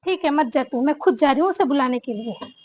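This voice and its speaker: A woman's voice: high voice, lively intonation, fairly quick, darkish tone. A woman acting a stern mother-in-law who scolds her daughters-in-law in a family drama. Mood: scolding. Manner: commanding, scolding.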